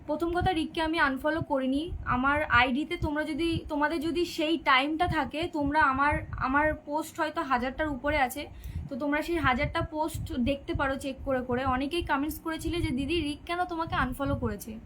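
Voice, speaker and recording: A woman's voice: sits high, fairly even intonation, a little fast, a bit bright, a little hiss or hum, poor audio. A sixteen-year-old girl chatting on a live stream, reading out viewers' comments and answering their questions. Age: teenager, 16. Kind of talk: casual live-stream chat.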